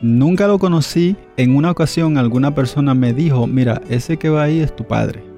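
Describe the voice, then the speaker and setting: A man's voice: a little high, brisk, mellow, soft background music. A middle-aged man from the Republic, a radio guest telling memories in a thoughtful, hesitant way with many fillers. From Dominican Republic. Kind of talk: reflective interview storytelling.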